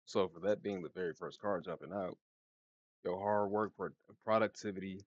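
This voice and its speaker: A man reads tarot in a low-pitched voice over background music. His speech is informal and slangy, with a slight slur and lisp from the retainer in his mouth. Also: fairly even intonation, moderate pace, dull audio. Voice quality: slightly slurred, lisping speech from wearing a retainer. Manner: informal, slangy, laid-back. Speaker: tarot reader. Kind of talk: casual tarot card reading.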